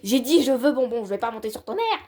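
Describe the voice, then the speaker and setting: A woman's voice: on the high side, very animated, quick pace, darkish tone. A woman voicing a bratty, spoiled girl rider who makes stubborn, whiny demands. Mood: demanding.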